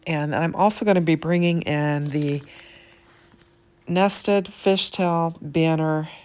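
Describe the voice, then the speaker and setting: A woman's voice: low-pitched, takes it slowly, a little mellow, smooth. An older woman chatting casually through a craft tutorial in a folksy way, with plenty of fillers. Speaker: craft demonstrator.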